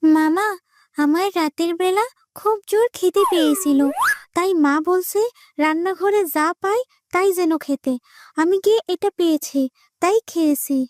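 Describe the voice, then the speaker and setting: A sulky greedy aunt. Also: female voice, very high-pitched, moderate pace, darkish tone, no room sound, studio quality. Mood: defensive. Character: greedy aunt Shefali, grown woman, sulky.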